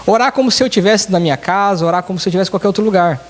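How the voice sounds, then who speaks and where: Earnest high-voiced preacher man. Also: rapid-fire. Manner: earnest, pleading, repeats key phrases, addresses the congregation directly. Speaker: church elder preaching. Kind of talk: sermon. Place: church service in Japan.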